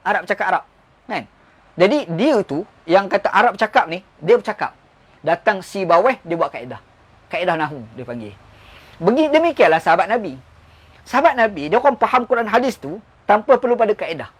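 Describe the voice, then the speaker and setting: A man's voice: high voice, sing-song, a little fast, husky. A man with a Malaysian Malay accent giving a religious lecture, explaining with stories and rhetorical questions. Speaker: religious teacher.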